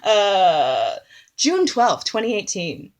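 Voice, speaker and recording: Woman, comic diary reading, chatty, giggly, mid-pitched voice. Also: sing-song, slow pace. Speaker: comedy performer.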